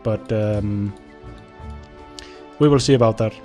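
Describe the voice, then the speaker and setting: A young Danish man casually commentates a strategy game while playing, thinking out loud and talking to his units. His voice sits on the low side, slow and darkish, with soft music in the background.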